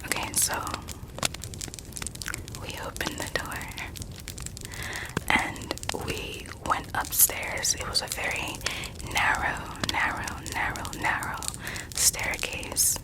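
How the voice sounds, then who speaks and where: A person telling stories in a soft, breathy ASMR whisper, lingering over words and softly repeating some of them. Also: takes it slowly, pauses often, low-quality recording. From United States. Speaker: ASMR creator.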